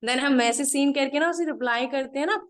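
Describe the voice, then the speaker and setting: A woman with a fairly high voice leads a live online class as the trainer. She talks in a direct, practical way and goes over her points one by one, repeating them slowly for students taking notes.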